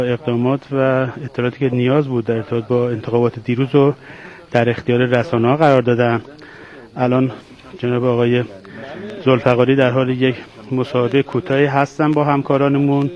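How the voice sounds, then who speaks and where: A male field reporter speaks in a flat, even tone, his delivery formal and measured. The sound comes over a dull, muffled remote line. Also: medium pitch.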